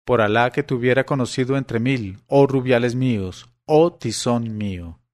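A man voicing a poor fisherman in a storybook reading. He speaks slowly, with a drawn-out, sarcastic tone. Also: mid-range voice, a little mellow, close to an everyday voice. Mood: mocking. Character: mocking poor fisherman, middle-aged man. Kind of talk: audiobook character reading.

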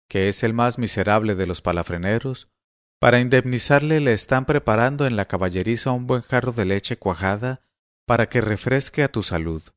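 A man's voice: fairly low pitch, no echo, studio quality, lightly acted. A man voicing a stern, commanding efrit spirit.

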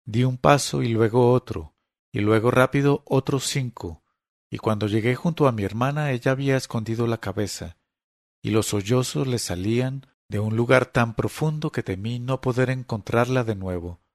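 Man narrating an audiobook with a gravelly voice. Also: mid-range voice, moderate pace, no echo, clean studio sound. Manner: steady, dramatic storytelling.

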